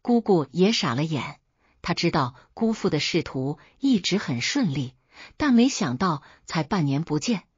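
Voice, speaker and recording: Woman reading a story out loud, husky lowish voice, dry dull recording. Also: big pitch swings, a little slow, no room sound. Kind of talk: scripted first-person story narration.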